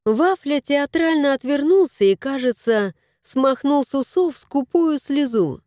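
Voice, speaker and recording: A woman narrating an audiobook in an expressive storytelling voice on a close mic. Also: high voice, a little slow, dry recording.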